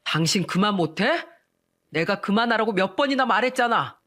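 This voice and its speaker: An earnest young husband, as a female storyteller plays him, caught between his wife and his family. He sounds apologetic and a little slow, heard as if from a step back in this storybook reading. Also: on the low side, a bit bright. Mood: exasperated. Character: young married man, pleading younger brother-in-law.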